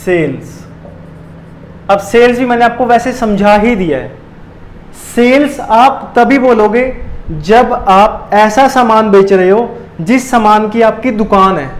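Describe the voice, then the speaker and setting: ऊँची आवाज़ वाला पुरुष शिक्षक, सवाल पूछकर खुद जवाब देता. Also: male voice, sits high, poor audio. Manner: asks questions and answers them himself. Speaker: commerce teacher. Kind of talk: classroom lecture.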